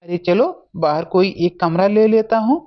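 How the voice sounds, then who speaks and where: A woman voicing a kindly older father-in-law in a cartoon family story, calm and plain-spoken. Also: mid-range voice, normal speed, muffled recording, natural voice.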